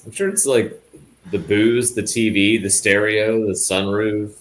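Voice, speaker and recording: Low-voiced man making dry jokes. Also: steady tone, measured pace. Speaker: podcast co-host. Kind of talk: casual live watch-party chat.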